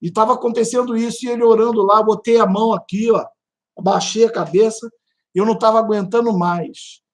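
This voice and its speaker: A man's voice: high voice, a little fast. Man preaching a testimony. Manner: animated storytelling, imitating a pounding heartbeat; direct address to listeners as brother and sister. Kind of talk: live-streamed testimony sermon.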